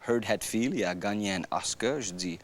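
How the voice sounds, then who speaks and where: A man's voice: on the low side, normal speed. A man from Louisiana with a Cajun French accent, casually telling his life story and acting out the people he quotes. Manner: animated, acts out quoted voices.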